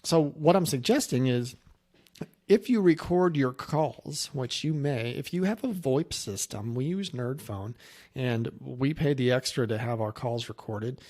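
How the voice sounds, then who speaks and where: An insurance agency coach and presenter gives a casual coaching talk to camera, sharing anecdotes and practical advice in a conversational way and acting out the remarks he quotes. His voice sits at medium pitch, animated, a little slow and a little mellow.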